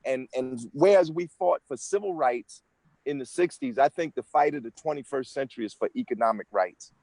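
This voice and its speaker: A man's voice: mid-range voice, a little fast, vocal fry, darkish tone, dry recording. Sixties man explaining earnestly, dry sound. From United States. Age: 60s. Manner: earnest, explanatory, with frequent restarts. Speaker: interview guest, senate candidate. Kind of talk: conversational interview answers.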